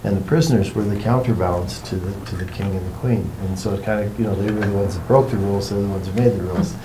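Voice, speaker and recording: A man leading a workshop, explaining things to a group in an informal, meandering and unhurried way. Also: lowish voice, steady tone, noisy background. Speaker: workshop facilitator.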